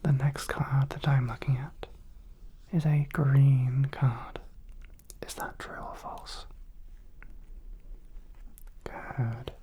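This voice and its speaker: A woman whispers a soothing clinical role-play close to the microphone. Her whispered role-play is dark and soft, with very little rise and fall. She takes her time with each phrase. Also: rumbling low, steady tone, drawn-out words, long pauses, slight background noise. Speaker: ASMR host playing a clinician.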